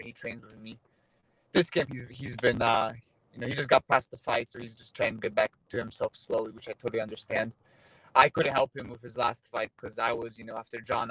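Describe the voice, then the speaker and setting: A native Polish speaker in his thirties, a fighter from Poland, is interviewed casually over video from inside a parked car, phone held at arm's length. His medium-pitched speech is relaxed and cluttered with fillers and restarts. The recording is dry and of low quality.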